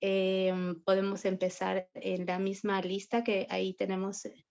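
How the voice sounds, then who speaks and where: A woman's voice: medium pitch, monotone, a little slow, gravelly, darkish tone. A talkative woman teaches an online Bible class, chatting freely and asking questions. Her voice sits in a middle register. The video call audio sounds dull and lo-fi. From not from Chile, works near Temuco. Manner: chatty, friendly, asks questions.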